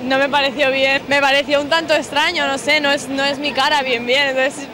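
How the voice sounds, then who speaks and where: High-voiced young woman, frank and joking. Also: flat delivery, a little fast, a crowd in the background. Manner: frank, joking, teasing her partner. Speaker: interviewee at a tattoo convention. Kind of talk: casual chat. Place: large indoor expo hall. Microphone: handheld interviewer mic. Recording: noisy convention hall.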